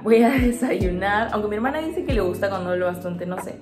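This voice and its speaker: Her voice is mid-range and brisk, with a roomy sound and music playing underneath. She is a woman in her twenties from Peru, speaking with a Peruvian Spanish accent, a talkative daily vlogger who chats upbeat and confiding to her viewers.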